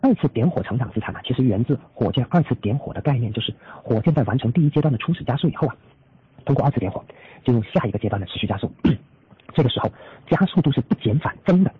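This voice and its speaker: Over tinny phone-line conference audio, a chief strategist hosts an investor call, formally presenting prepared market analysis. His medium-pitched voice is animated and fast, and he keeps tacking trailing "a" particles onto his phrases.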